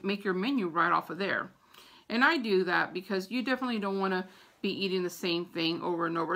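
A middle-aged American woman chats to camera about household tips, repeating herself for emphasis in an informal way. Her voice is mid-range, creaky and slightly bright, picked up by a phone or tablet about arm's length off in a small indoor room at home.

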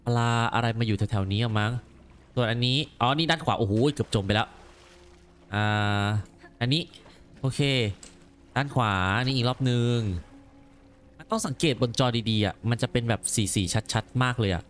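A man commenting on a game as he plays, exclaiming and repeating words in quick excited bursts. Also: medium pitch, slight background noise. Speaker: gameplay commentator. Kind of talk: let's play commentary.

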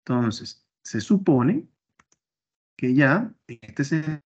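A man's voice: mid-range voice, sing-song, very slow, darkish tone, husky. A male teacher explaining step by step in an online class while his audio glitches and cuts out over the network. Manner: step-by-step explaining, often checking with "bien". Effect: audio glitching and cutting out over the network. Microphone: video call. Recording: dull lo-fi online call audio.

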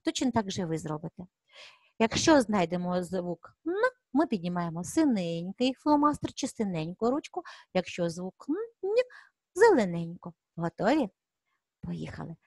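A woman's voice: lowish voice, very animated, moderate pace, darkish tone, no echo, clean studio sound. A middle-aged woman teaching an early-reading lesson to young children, coaxing them along and stretching out words so they can hear the sounds. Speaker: preschool teacher.

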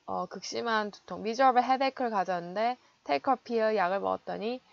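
A woman English teacher giving an online lecture, explaining word meanings and stress and modeling pronunciation slowly. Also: fairly high pitch, creaky, no room sound, highs cut off.

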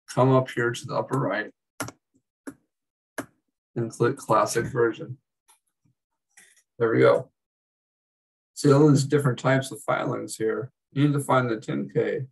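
A man giving a casual, chatty screen-recorded software tutorial as an instructor, with wry asides. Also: medium pitch, vocal fry, breathy edge, recorded from a distance, rough recording.

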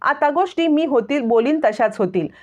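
A woman's voice: high voice, expressive, normal speed, a little mellow. Woman voicing a spiteful taunting young woman. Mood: angry. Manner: taunting, scornful. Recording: lo-fi recording.

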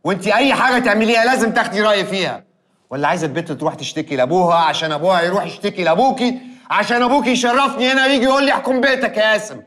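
A firm, commanding Egyptian husband. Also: male voice, high voice, racing, fairly bright tone. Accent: Egyptian Arabic. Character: stern husband asserting himself at home. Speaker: actor. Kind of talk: TV drama acting.

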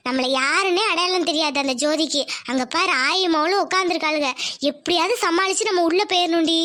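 A bold young village woman in a cartoon, bossy and protective toward her friend, as a woman voices her. Her voice is pitched up to a squeaky height and sounds bright and sharp. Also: a little fast, dry recording, studio quality. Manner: bossy, reassuring, rustic Tamil speech.

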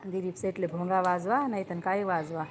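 A woman's voice: fairly low pitch, steady tone, brisk, very noisy. Teasing, chatty woman live streamer. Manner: teasing, chatty, greets viewers by name. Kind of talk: casual live chat with viewers.

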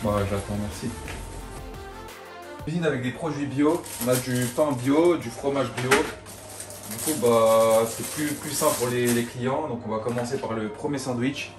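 A man's voice: mid-range voice, fairly even intonation, normal speed. A man, casually demonstrating cooking. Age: 20s. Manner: slangy, informal banlieue talk. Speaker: vlog host. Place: home kitchen. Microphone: camera a few steps away. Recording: echoey kitchen, distant mic, music.

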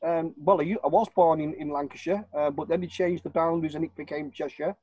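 Speaking through a webcam from his living room, this older Warrington man is a guest on a home video call, his northern English accent clear. His slightly high voice is warm, fairly quick and fairly even in intonation, and he hammers his points home, insisting and repeating himself. There's no echo, but the audio is poor.

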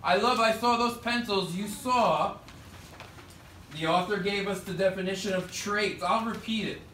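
Recorded from the back of an indoor classroom by a distant camera, the audio is echoey with faint noise. A male third grade teacher speaks at a measured pace in a high, pushed, bright voice, giving directive, projected instruction with short prompts and call-and-response.

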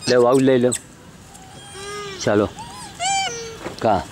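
A man's voice: medium pitch, fairly even intonation, very slow, a little mellow, slight background noise. A man vlogging outdoors while handing out mangoes to animals, coaxing them, shooing them off and chatting to the camera. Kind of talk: outdoor handheld vlog narration. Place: outdoors, rural spot with animals.

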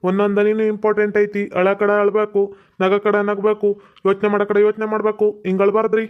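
A boastful cartoon village doctor, voiced by a man, lecturing the family and reassuring them. His voice is high for a man, smooth and resonant, and held on a flat, even pitch. The sound is dull and lo-fi. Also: fairly quick, lightly acted.

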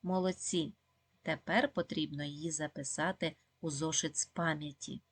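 A woman teaching a video lesson for second graders, speaking slowly and clearly, praising the pupils often and asking them questions. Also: low-pitched, fairly even intonation, dry recording. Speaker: primary school teacher.

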